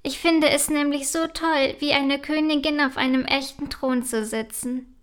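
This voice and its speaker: A woman voicing a curious, kind little princess girl in a storybook, speaking gently and slowly. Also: high voice, steady tone. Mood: gentle.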